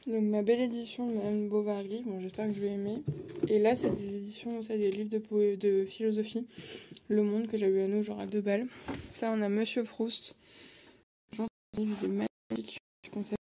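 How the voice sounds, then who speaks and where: A woman's voice: medium pitch, level tone, fairly quick, warm tone, slight background noise. A young woman casually chatting at home on her phone, filling her sentences with hesitations. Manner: chatty, lots of hesitation fillers. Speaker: vlogger. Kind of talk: casual bookshelf tour.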